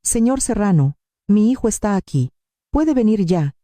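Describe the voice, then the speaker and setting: A woman narrating a dramatic story in the first person, steady and emphatic. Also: mid-range voice, normal speed, no room sound.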